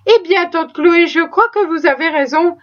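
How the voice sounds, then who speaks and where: Woman reader as a talkative, pious cook with a high voice, folksy and full of exclamations, on a dull lo-fi recording. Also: moderate pace. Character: proud, chatty, pious female cook.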